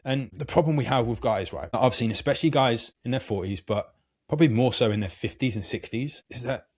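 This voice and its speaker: A man, a podcast guest giving long, earnest explanations as a hormone coach. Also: mid-range voice. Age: 30s. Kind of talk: podcast interview.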